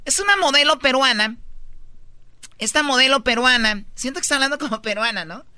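Bright, high-voiced woman host. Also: lively intonation, a little fast, no room sound. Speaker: podcast host. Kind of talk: casual gossip storytelling.

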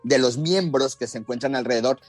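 A man's voice: medium pitch, brisk, faint music behind. A man speaking as a fortune teller, giving reassuring advice and card readings on a radio show. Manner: reassuring, advising.

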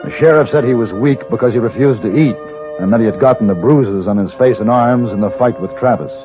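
An actor narrating and playing a cool, terse male gunman in an old radio western, measured and clipped. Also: mid-range voice, natural voice. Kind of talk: 1950s radio drama narration and dialogue. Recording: muffled old radio with music.

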